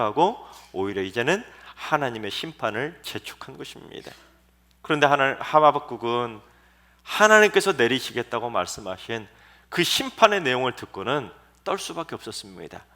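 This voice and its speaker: A man's voice: medium pitch, pushed and bright. A male pastor delivering a sermon with emphatic, dramatic storytelling.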